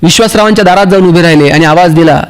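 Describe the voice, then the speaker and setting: High-voiced Marathi man giving a motivational talk. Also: rapid-fire, smooth. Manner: storytelling, acts out dialogue, jokes with the audience. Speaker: motivational speaker. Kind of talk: motivational speech with humorous stories.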